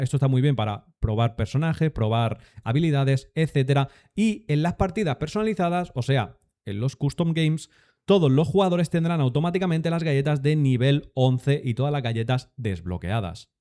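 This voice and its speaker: A man's voice: fairly high pitch, mellow. A young man with a Spain Spanish accent, giving an upbeat rundown of a game update and addressing his viewers. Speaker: gaming content creator.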